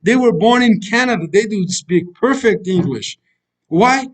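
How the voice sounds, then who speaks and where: Speaking over slides, a middle-aged life coach who is a native Kurdish speaker gives an animated, somewhat slow motivational lecture. His voice is noticeably high for a man, and he keeps addressing the audience as friends while preaching in a repetitive way.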